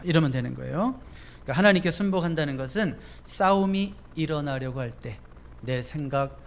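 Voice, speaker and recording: Casting: a male pastor, slightly high voice, chatty sermon full of questions to the pews. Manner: conversational, asks the congregation questions.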